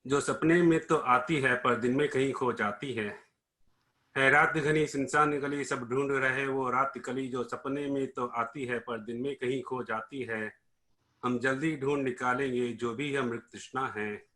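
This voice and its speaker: Man reciting verse in a bright voice. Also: medium pitch, fairly even intonation. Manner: measured, rhythmic reading. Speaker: participant reciting his poem. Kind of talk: poetry recitation.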